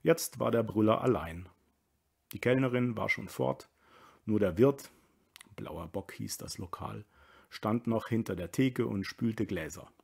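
Gravelly, husky male audiobook reader. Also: a little slow. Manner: quiet, low-key narration. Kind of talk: audiobook reading of a novel.

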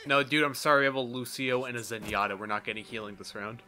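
A man's voice: mid-range voice, flat delivery, fast talker, pushed and bright, faint music behind. A man hosting a gameplay video with joking, sarcastic commentary, mock exasperation and exaggerated, overacted exclamations.

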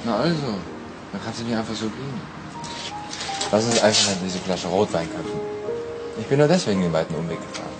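A man's voice: fairly low pitch, fairly quick, pauses often, over loud music, lightly acted. An actor playing a flirtatious, teasing man who coaxes a woman to stay. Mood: coaxing. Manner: teasing, persuasive. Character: charming flirtatious man, a doctor.

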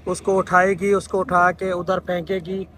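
A man's voice: high-pitched, level tone, unhurried, pushed and bright, rough recording. A man with a Pakistani Urdu accent, chatting casually as he vlogs a train trip from a station platform and carriage. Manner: chatty, teasing, narrates as he films. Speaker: vlogger. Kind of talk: casual travel vlog.

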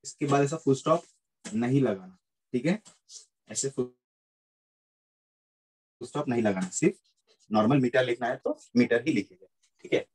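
A man's voice: mid-range voice, expressive, normal speed, pauses often, darkish tone, breathy edge, rough recording. A man teaching a physics lesson in Hindi mixed with English, repeating points and checking that students follow. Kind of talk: classroom lecture mixing Hindi and English.

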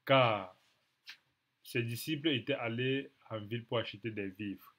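A preacher in his thirties teaches from the Bible to a webcam in a small room at home, slowly repeating phrases for emphasis. He is sick with a cold and clears his throat, and his voice is mid-range with a fairly bright tone.

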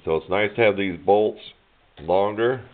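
Sitting at his home workbench, a man talks through a DIY electronics project in an informal, meandering, down-to-earth manner. His voice is on the low side and a little slow, captured by a handheld camera mic with muffled, phone-like sound.

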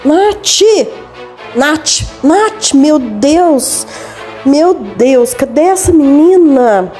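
A frantic, pleading mother at her wits' end over her crying little daughter, played by a woman in a game role-play voice-over. Her voice sits high and her words come slowly. Steady background music runs under her.

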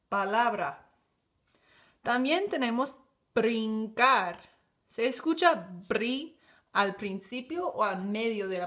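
Woman teaching phonics super slow, sounds out each syllable, kinda high voice. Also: sharp tone.

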